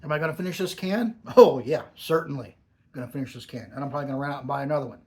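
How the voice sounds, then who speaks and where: A man's voice: medium pitch, rapid-fire, background noise. A man giving a casual, off-the-cuff product review with a lip full of dip pouches, savouring and stressing his words as he goes.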